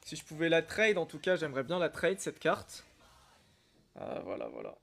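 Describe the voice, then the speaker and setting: A young man chatting casually on a live stream while opening trading card packs, reacting with excitement and greeting viewers by name. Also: fairly high pitch, normal speed, creaky, faint music behind. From Algeria. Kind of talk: casual live-stream chat reading comments.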